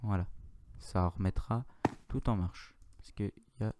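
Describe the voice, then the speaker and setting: French guy, rambling tutorial chat, unhurried, keyboard clicks audible behind. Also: lowish voice, background noise. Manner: rambling, self-correcting, chatty with asides and filler sounds. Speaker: Minecraft tutorial youtuber. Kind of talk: casual screen-recorded game tutorial.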